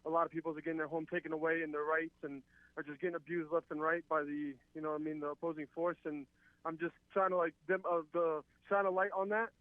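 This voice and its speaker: A man in his twenties from Palestine chats casually as a guest fighter in a remote-call interview, rambling upbeat with lots of fillers and restarts. His voice is slightly high, fast and fairly flat in pitch, with no echo. The line sounds tinny, like a phone.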